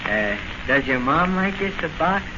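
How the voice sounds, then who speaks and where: A soft-hearted, simple boxing champ in an old radio drama. His voice is on the high side for a man, with halting, ungrammatical talk, on a muffled recording with clear noise. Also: big pitch swings. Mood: tender, curious.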